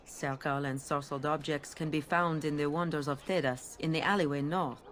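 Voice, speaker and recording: A woman playing a courteous, wistful émigré flower seller in a video game, with a French accent and formal, gently questioning phrasing. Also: deep voice, steady tone, normal speed, slight background noise, natural voice. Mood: inviting, courteous. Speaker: market merchant. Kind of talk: video game character dialogue.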